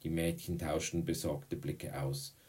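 A man narrating an audiobook in a measured, steady way. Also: rumbling low. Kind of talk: audiobook reading.

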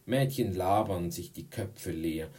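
A man's voice: low voice, slow, dark tone. A man voicing a cheeky, crude sixth-grade boy in an audiobook, with a mocking, mumbling manner. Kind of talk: audiobook reading.

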